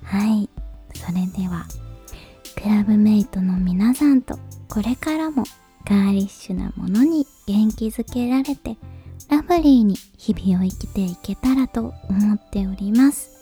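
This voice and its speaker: A woman hosting a late-night podcast in a soft, breathy, whispery voice, speaking to listeners in extremely polite, formal phrasing. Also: medium pitch, measured pace, faint music behind. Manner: ultra-polite, formal honorific Japanese phrasing. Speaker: podcast host.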